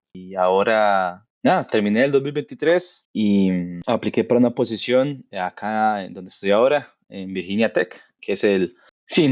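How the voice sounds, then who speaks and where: Low-voiced man from Costa Rica, dry sound. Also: no echo, highs cut off. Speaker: veterinarian guest. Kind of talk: casual conversational interview.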